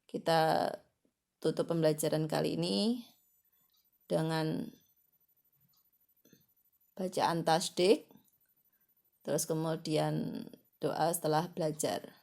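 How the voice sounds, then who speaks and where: A woman's voice: low voice, fairly even intonation, slow pace, gravelly, long pauses, darkish tone. A woman teaching children to read the Quran, giving a patient lesson and stretching syllables out one by one to demonstrate them.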